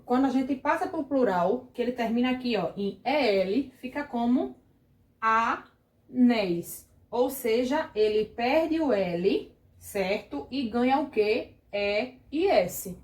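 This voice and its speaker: Slow, patient Brazilian teacher woman, echoey room. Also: a little high, lively intonation, a little mellow. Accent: Brazilian Portuguese. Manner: patient, explains slowly, keeps asking the class "certo?". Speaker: primary school teacher. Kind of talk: online grammar lesson for children.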